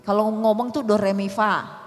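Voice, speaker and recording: A middle-aged woman evangelist, giving a conversational sermon with quick, lively delivery. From Manado, Indonesia. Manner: fast, often high-pitched, lively talk. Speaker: evangelist preacher. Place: church hall. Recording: church hall reverb.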